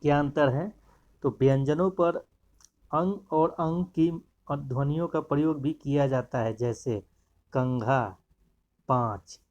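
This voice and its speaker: A man's voice: a little high, a little slow, a little mellow, highs cut off. A man teaching a grammar lesson, explaining step by step and pointing to examples as he goes.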